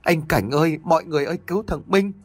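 A man voicing a grief-stricken middle-aged mother with a high, strained wail. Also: lively intonation, brisk, slightly rough, dry recording. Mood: panicked.

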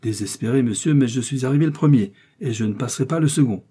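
A man's voice: medium pitch, fast, warm tone, breathy edge, close to an everyday voice. A man reading an audiobook and voicing a proud young male nobleman who speaks curtly and haughtily. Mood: haughty. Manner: haughty and curt. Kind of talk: audiobook character voice.

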